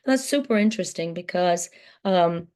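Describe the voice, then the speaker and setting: A woman with a low, mellow voice made croaky and hoarse by laryngitis moderates a book talk. She speaks hesitantly, full of ums and restarts as she sets up the conversation. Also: normal speed. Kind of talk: introductory remarks at a book talk.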